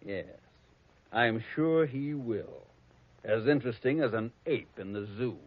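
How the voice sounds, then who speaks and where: Heard on a dull, lo-fi vintage radio recording, a male actor in 1940s radio style plays a prim, snobbish heir given to scheming, speaking sarcastically and precisely. His mid-range voice moves at a measured pace with lively intonation, and his mood is haughty.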